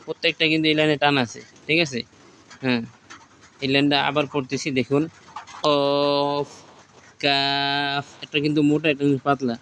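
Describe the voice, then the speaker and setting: A man's voice: a little high, fairly even intonation, a bit bright, slight background noise. Patient man drawing out Arabic letters. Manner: slow, patient, repeats each line. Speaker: Arabic teacher. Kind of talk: Arabic alphabet lesson, drawn-out recitation.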